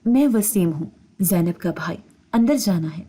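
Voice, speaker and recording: Woman reading anxious determined brother, insistent, suspicious, mellow tone, storybook narration. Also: fairly low pitch, animated, breathy edge.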